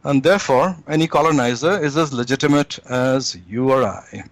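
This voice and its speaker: A man gives long, deliberate commentary as a guest, pausing now and then to gather his words. His voice sits in an ordinary middle register. The sound is close and dry, with no room around it. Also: mid-range voice, no room sound. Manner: measured, deliberate, with frequent hesitations. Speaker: interview guest. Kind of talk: lecturing commentary.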